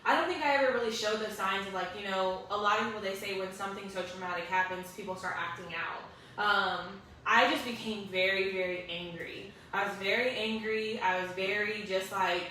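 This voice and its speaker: A young woman with a mid-range, sharp voice speaks briskly as a guest, recounting a painful personal story earnestly and emotionally, with plenty of fillers. The recording sounds echoey, with a distant mic and faint hiss.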